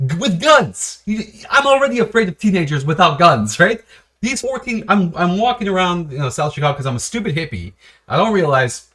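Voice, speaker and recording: A man hosting his own video series, talking off the cuff in a rambling, animated way, with frequent restarts and short laughs. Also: sits high, fairly quick. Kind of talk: casual unscripted monologue.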